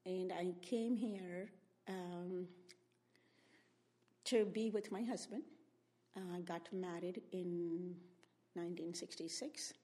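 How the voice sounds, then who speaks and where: Older Indian-accented woman, slow and measured. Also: lowish voice, steady tone, warm tone. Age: 70s. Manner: reflective, spells out names letter by letter. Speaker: oral history interviewee. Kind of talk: oral history interview. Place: public library room.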